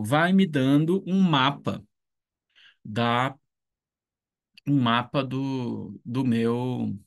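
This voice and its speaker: A man teaching an online class, speaking slowly and thinking aloud, with frequent restarts and tag questions. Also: mid-range voice. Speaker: ancient Greek teacher. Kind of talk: online lecture.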